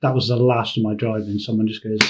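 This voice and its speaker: A man's voice: lowish voice, flat delivery, fast, a little mellow, rough recording. A man who drove the band on tour, telling anecdotes and acting out quotes in casual podcast chat. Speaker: tour driver.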